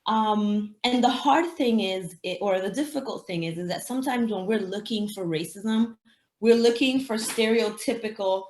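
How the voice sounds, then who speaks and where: A teacher and anti-racism educator from the Dominican Republic, a native Spanish speaker, is being interviewed, her medium-pitched voice moving at a moderate pace. She explains things conversationally, thinking aloud and posing rhetorical questions, in a roomy, echoing recording.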